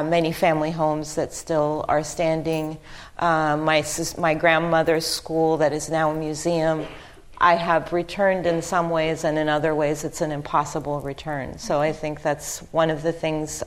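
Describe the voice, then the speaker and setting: A woman from Lebanon speaking on a panel as a history professor, thoughtful and halting, with frequent ums and restarts. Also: sits low. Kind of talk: panel discussion talk.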